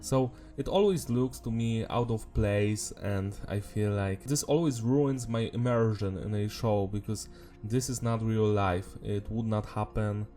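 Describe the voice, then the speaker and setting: A man's voice: on the low side, unhurried, mellow, faint music behind. A man with a sore, sick-sounding swollen throat giving casual, rambling, informal commentary as a video host. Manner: informal, mild swearing. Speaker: anime review video host.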